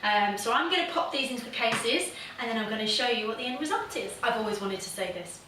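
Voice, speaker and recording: A woman's voice: on the high side, lively intonation, quick pace, far from the mic, noisy background. A woman hosting a casual home cooking demonstration, chatty and self-deprecating, with plenty of fillers. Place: home kitchen. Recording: very echoey room, voice from off the mic.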